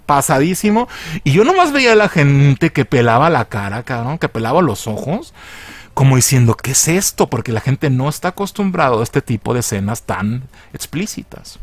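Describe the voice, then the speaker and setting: A man with a Mexican Spanish accent casually recapping a film's plot as a reviewer, in a slangy, profane and animated storytelling manner. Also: a little high, dry recording. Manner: animated, jumpy delivery. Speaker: film reviewer.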